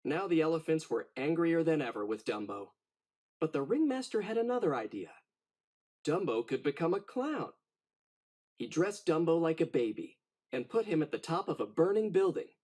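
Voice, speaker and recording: Acting as a storybook narrator, a man reads a children's story aloud with theatrical, animated drama. His fairly high voice swings widely in pitch and has a slightly husky, breathy edge, and he speaks at a normal speed.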